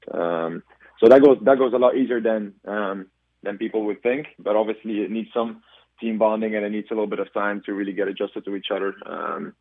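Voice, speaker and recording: Calling into a radio show, a Belgian soccer player in his twenties answers questions with care, stumbling into ums and restarts. His pitch is fairly low. There's no echo, just the tinny sound of a phone line.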